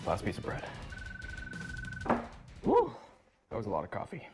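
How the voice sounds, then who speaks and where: A man's voice: low voice, lively intonation, very fast, music in the background. A man talking casually to his viewers to camera while eating. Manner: chatty, addressing viewers mid-meal. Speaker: food challenge creator.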